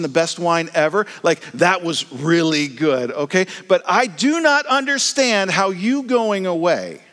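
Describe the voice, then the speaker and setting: A man's voice: high voice, fairly bright tone, big-room sound, voice pushed up. A man voicing an earnest, confused male disciple who rambles through exasperated questions.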